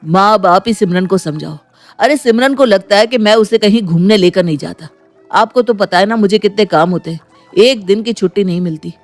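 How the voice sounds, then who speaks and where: A man's voice: sits high, brisk, faint music behind. A man voicing a defensive, exasperated young husband in a cartoon story. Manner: complaining, defensive.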